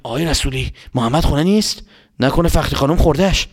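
A man's voice: on the high side, natural voice. A man voicing a frightened young boy who stammers and panics. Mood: nervous. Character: frightened young boy, jumpy and fast-talking.

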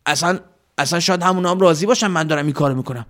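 Guy playing a naive young village lad, stammers a lot, earnest, a bit high. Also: fairly bright tone, lightly acted. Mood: defensive. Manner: stammering, hesitant.

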